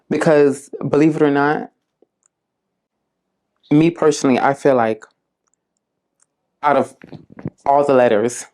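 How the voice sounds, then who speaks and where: A community case manager from South Florida, US, answers interview prompts casually in a warm, bass female voice. Earnest and unhurried, she fills her replies with many "um"s and "like"s.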